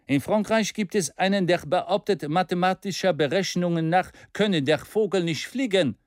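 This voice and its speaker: A man's voice: high voice, normal speed, dry recording, clean studio sound, voice pushed up, lightly acted. A man reading aloud and voicing a bold, fiery male orator who speaks in a rousing, declamatory way. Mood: assured.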